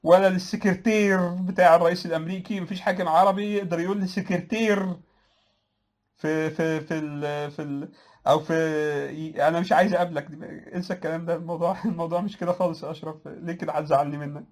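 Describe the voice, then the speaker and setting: A man's voice: a little high, fairly even intonation, fast, a little mellow. A man with an Egyptian Arabic accent gives casual political commentary, answering viewers with sarcasm, laughing at his own points and restarting his phrases often.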